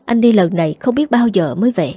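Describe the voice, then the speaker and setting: A woman's voice: mid-range voice, animated, a little fast, dark tone, husky, no echo, studio quality. A woman voicing a remorseful husband. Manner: choked, apologetic. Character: remorseful departing husband, middle-aged man.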